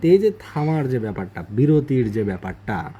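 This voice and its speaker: A man's voice: medium pitch, very animated, moderate pace, warm tone, slightly rough. A man teaching basic grammar, giving each definition and then restating it more simply. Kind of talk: explanatory lesson.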